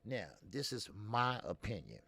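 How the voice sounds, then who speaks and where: A man's voice: on the low side, big pitch swings, unhurried, creaky, pushed and bright, no echo. A man in his fifties hosting a casual boxing talk stream, blunt and talkative, answering viewers' comments as he goes. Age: 50s. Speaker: boxing show host.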